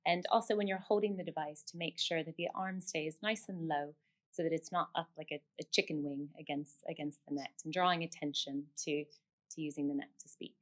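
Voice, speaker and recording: Speaking like a speech therapist, a low-voiced woman walks through a technique step by step, encouraging and affirming as she instructs. Her tone stays steady and her pace is a little fast.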